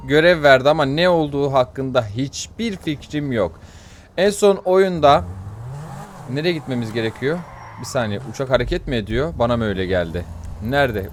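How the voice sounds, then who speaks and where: A man giving chatty let's-play commentary, swearing jokingly and getting loud and panicky when things go wrong. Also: mid-range voice, slight background noise. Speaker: gaming YouTuber.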